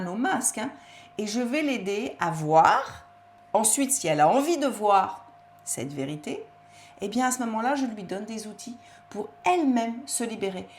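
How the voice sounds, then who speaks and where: A woman giving a casual talk on self-love, with many fillers and restarts, addressing listeners directly. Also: a little high. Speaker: personal development speaker.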